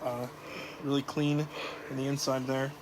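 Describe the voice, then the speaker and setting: Hesitant man over loud noise. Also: mid-range voice, little pitch movement, measured pace. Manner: hesitant, many ums and uhs. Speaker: woodworking channel host. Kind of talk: casual tool demonstration.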